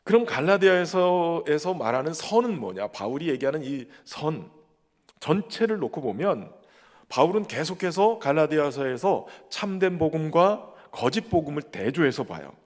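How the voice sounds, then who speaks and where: A man's voice: a little high, very animated, moderate pace, long reverb tail. A man preaching a sermon as pastor, earnest and emphatic, who keeps addressing the congregation directly.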